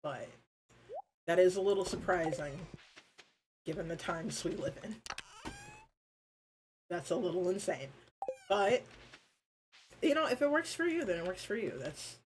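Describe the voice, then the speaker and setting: A woman's voice: fairly low pitch, expressive, a little slow, pauses often, a little mellow, a little hiss or hum, poor audio. Laid-back woman streamer chatting casually. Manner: rambling and informal, with frequent fillers and swearing. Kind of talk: casual chat with viewers on a live stream.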